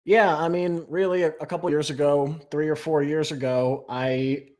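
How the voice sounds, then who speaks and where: A man appearing as a podcast guest, explaining his ideas in a measured way with frequent "um" and "you know". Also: fairly high pitch, fairly even intonation, a little mellow. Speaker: guest, newsletter writer. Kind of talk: explanatory interview talk.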